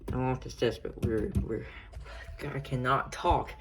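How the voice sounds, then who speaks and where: Here a man of medium pitch and fairly even intonation chats about his radio collection while handling it. He drifts, hesitates, and corrects himself repeatedly, and the room is noisy with audible clicks.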